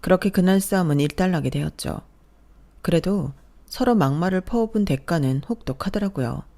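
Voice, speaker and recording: A woman's voice: fairly low pitch, brisk, mellow. A woman giving scripted first-person narration of a family story in a confiding, recounting way.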